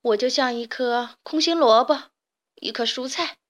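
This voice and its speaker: A woman playing a plucky, excitable young hen. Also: on the high side, natural voice. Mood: flustered. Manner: eager, loud and quick-fire. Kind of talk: children's audiobook character voice.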